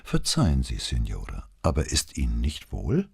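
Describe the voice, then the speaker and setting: Guy playing an icy polite commissioner in an audiobook, low husky voice, dry sound. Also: big pitch swings, a little mellow, no echo, heavily acted. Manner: coolly polite, deliberately wounding. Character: calm, cutting middle-aged male police commissioner. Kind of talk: audiobook character voicing.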